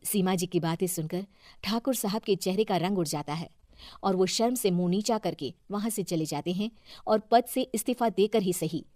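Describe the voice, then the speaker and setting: A woman's voice: mid-range voice, moderate pace, mellow, no echo, clean studio sound. A woman reading scripted narration for a moral story as the storyteller.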